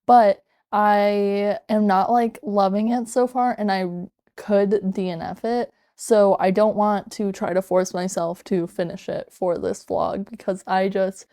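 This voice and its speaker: A woman in her twenties chats casually to her vlog audience in heavy rain. Her voice is mellow and clear, at a middling pitch. She talks in a loose, conversational way as rain pours behind her. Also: steady tone, unhurried. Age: 20s. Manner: conversational, frequent "like" asides. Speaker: book vlogger. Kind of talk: casual chat to camera. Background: pouring rain outside.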